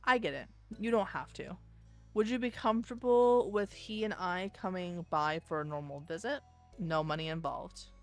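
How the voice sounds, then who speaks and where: A woman's voice: fairly low pitch, moderate pace, faint music behind, natural voice. A woman voicing a worried, polite middle-aged father who is looking for his son, reading a visual novel aloud.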